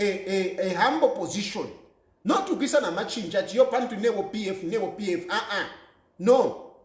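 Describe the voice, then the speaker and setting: A man's voice: sits high, roomy sound. A man with a Zambian accent delivering an impassioned political monologue, fervent and repeating phrases for emphasis. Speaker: political commentator.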